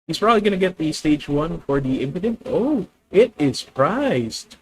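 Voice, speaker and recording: A man's voice: on the high side, big pitch swings, normal speed, slight background noise, low-quality recording. A man with a Filipino accent thinking aloud as he plays a card game on stream, chatting with viewers. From Philippines. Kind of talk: live card game commentary.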